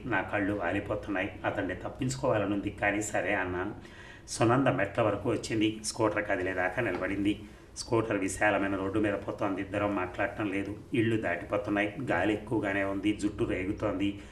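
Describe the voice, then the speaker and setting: A man reading a story aloud as an audiobook narrator, at a steady, even pace. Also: on the low side, a little fast. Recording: roomy recording, faint noise.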